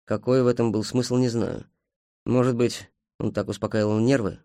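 A man narrating an audiobook in a calm, matter-of-fact way. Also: mid-range voice, moderate pace, no echo, studio quality.

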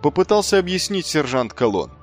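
A man narrating a fantasy audiobook in a lively, theatrical reading. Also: fairly high pitch, a little fast, faint music behind.

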